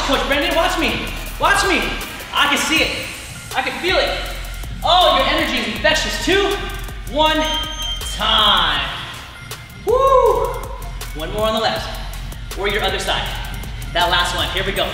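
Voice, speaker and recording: Male fitness coach, barking and energetic, motivational workout commands over music in a very reverberant gym. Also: high-pitched, moderate pace, pauses often. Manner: energetic, exerting while demonstrating exercises. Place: large indoor training gym with turf floor. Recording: echoey gym hall, music behind.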